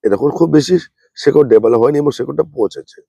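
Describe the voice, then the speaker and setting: A man, unwell, giving a slow, plain, repetitive gardening demonstration as a channel host. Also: mid-range voice, creaky, warm tone, breathy edge, dry recording. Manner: speaks slowly and plainly, repeating points.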